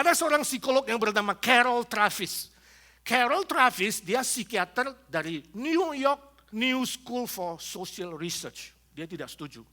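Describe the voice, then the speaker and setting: A male pastor preaches with a high, bright, forceful voice that swings widely in pitch. He jokes and acts out little scenes as he goes, and his tone stays lively throughout. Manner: animated, jokey preaching with acted asides and laughs. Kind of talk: sermon. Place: church in Los Angeles.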